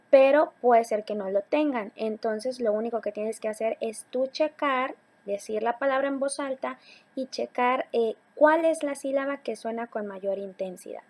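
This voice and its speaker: A woman teacher giving a recorded slide lesson, talking patiently to her students and slowing down on key words. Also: on the high side, a little mellow. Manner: patient, addresses students directly, slows to stress key words.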